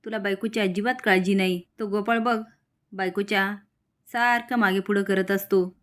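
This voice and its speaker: A woman's voice: medium pitch, steady tone, moderate pace, lightly acted. A woman voicing a nagging middle-aged village mother, in a retold TV serial.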